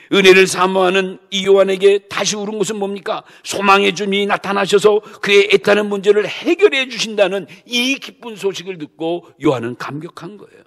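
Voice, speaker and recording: A man, a senior pastor, preaching a sermon with emphatic rhetorical questions to the congregation, swinging from soft low asides to loud bursts. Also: creaky. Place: church sanctuary.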